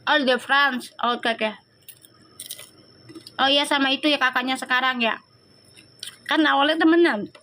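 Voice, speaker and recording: A woman's voice: sits high, fairly even intonation, measured pace, long pauses, bright, forceful tone. A woman, chatting on a live stream and scolding viewer comments in a sassy, slangy way. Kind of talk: casual live-stream chat reading comments.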